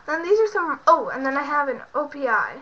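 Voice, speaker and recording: Heavy background noise runs under this muffled, lo-fi clip, recorded on a built-in webcam mic in a bedroom at home. A young beauty vlogger with a high voice, sick and congested, casually shows off products, rambling with lots of fillers.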